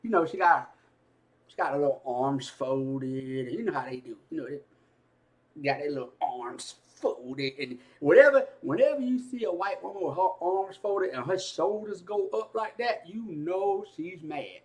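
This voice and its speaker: A young man hosting his own channel, telling a story to camera in a casual, animated, repetitive way while he eats. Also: on the high side, moderate pace. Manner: talks while eating. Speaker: YouTube gaming channel host.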